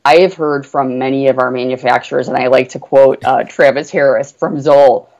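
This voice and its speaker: On a muffled recording, a woman speaks at a moderate pace in a rumbling low, steady, slightly mellow voice. She's a portfolio manager guesting on a business podcast, and she talks about her work with earnest enthusiasm and frequent "you know" fillers.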